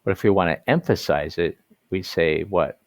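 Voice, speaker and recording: A man teaching an online English lesson, talking in a halting way with many restarts and slow, stressed words. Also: low-pitched, no room sound.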